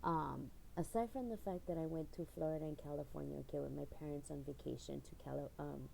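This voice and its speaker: A woman's voice: low voice, steady tone, fast talker, vocal fry, dark tone, a little hiss or hum, rough recording. A middle-aged woman from Hawaii, chatting casually in her own vlog and telling stories with lots of fillers. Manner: rambling storyteller with frequent fillers and laughs. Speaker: channel owner.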